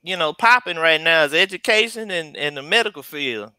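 A college teacher in his forties from San Diego answers interview questions on a video call from a room at home, using a headset mic. His voice is on the high side, bright, forceful, expressive and brisk, yet he's hesitant, with many fillers and small laughs.

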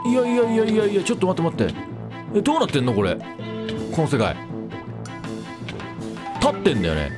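A man giving casual, excitable commentary over his own gameplay, breaking into panicky repeated exclamations. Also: high-pitched, fast talker, pauses often, over music. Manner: playful self-introduction with a mock-dramatic recap. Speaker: game commentator.

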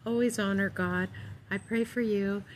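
A middle-aged woman talks in a calm, gentle manner at a medium pitch. She chats casually and devotionally, taking her time. The phone recording is made outdoors, with faint ambient noise behind her. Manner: calm, gentle, unhurried delivery. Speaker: vlogger sharing her faith. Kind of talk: casual devotional chat to camera. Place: outdoors in a park among trees. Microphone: phone at arm's length.

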